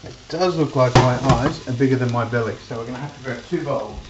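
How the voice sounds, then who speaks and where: A woman's voice: extremely low pitch, fast talker, dull audio. A woman vlogger chatting in a homely way while she cooks in her home kitchen, with a pan sizzling. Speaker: cooking vlogger. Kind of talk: casual cooking demonstration. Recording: echoey kitchen with loud frying noise.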